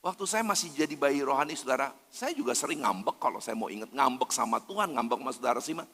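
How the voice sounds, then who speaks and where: A man's voice: mid-range voice, lively intonation, fast talker, fairly bright tone. A male pastor, preaching emphatically and constantly calling on his listeners as brothers and sisters. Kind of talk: sermon. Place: church hall. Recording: long church hall reverb.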